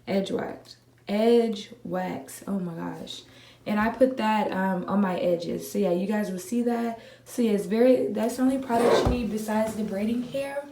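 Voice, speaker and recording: A young woman vlogger, talking viewers through a hair tutorial in a relaxed, chatty way, a little groggy from just waking up. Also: medium pitch, normal speed, a little hiss or hum. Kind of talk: casual how-to tutorial. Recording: echoey room with faint ambience.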